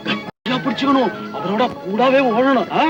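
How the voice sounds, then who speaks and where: A scheming old grandfather coaxes a child, low and insistent. He sounds distant and dull on an old film soundtrack, with music underneath. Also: normal speed. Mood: coaxing. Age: older. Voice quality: coaxing, insistent. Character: scheming old grandfather coaxing a small boy.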